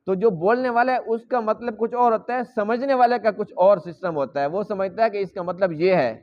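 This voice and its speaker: A man with a high voice gives a Quran lesson sermon in a mosque. He explains patiently, repeating key phrases and acting out each side of a dialogue. The recording is dull and lo-fi. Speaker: mosque preacher teaching Quran.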